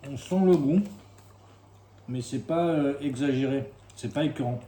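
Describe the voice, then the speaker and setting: Mellow Frenchman chatting in an echoey room. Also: medium pitch, unhurried. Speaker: co-host of a tasting video. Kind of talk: casual tasting chat. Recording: echoey room with faint noise.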